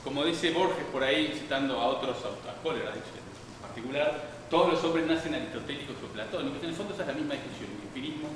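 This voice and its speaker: A man's voice: fairly high pitch, quick pace, few pauses. A man giving a public science lecture, talking in a digressive way with many restarts and fillers. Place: lecture hall. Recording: distant, echoey hall, background noise.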